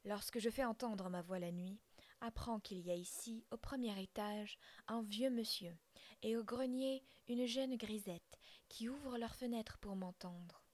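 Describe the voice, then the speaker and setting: A woman's voice: mid-range voice, no echo, lightly acted. A woman voicing an outraged, proud old male blackbird father in a whispered role-play, scolding with indignation.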